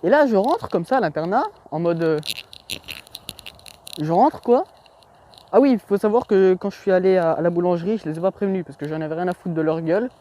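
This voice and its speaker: A man's voice: sits high, a little fast, warm tone. A young man telling anecdotes in a rambling, slangy, self-mocking vlog, full of hesitations. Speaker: vlogger. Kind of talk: casual storytelling vlog.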